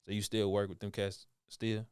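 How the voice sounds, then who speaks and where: Deep, smooth-voiced man interviewing casually. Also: little pitch movement, moderate pace, a little mellow, no room sound, studio quality. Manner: laid-back, rambling, slangy.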